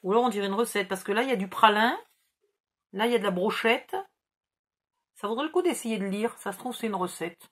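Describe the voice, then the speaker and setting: A woman's voice: medium pitch, quick pace, pauses often, fairly bright tone, slightly rough. A middle-aged woman chatting casually through a scrapbooking haul, rambling and mocking herself as she loses track. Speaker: scrapbooking YouTuber. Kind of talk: casual haul video chat.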